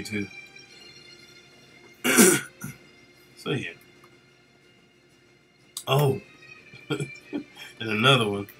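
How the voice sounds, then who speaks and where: A man casually chatting with viewers of his live stream while he works, relaxed and rambling with lots of fillers. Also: on the low side.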